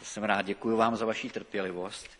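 Middle-aged preacher in a reverberant hall. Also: male voice, fairly low pitch, slight background noise. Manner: lively expressive reading, halting with fillers when speaking freely. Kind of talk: sermon with scripture reading. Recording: long reverb of a church hall.

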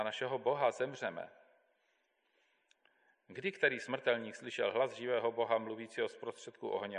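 A man giving a measured, deliberate Bible reading as a scripture reader in a church. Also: mid-range voice. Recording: long hall reverb.

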